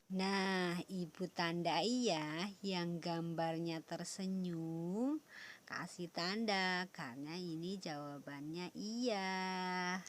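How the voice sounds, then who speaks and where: A woman's voice: on the low side, very slow, a little hiss or hum. A primary school teacher, a woman, giving a recorded lesson to young children and patiently checking in with them as she explains. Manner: patient, addresses the children with tag questions.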